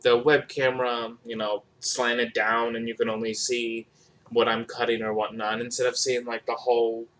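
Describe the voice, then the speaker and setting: A man casually chatting while cooking in his home kitchen, sounding low-energy and a bit sick with a dry throat, talking in a monotone full of fillers. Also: moderate pace. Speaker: cooking vlogger. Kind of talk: casual cooking vlog chat. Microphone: camera across the kitchen.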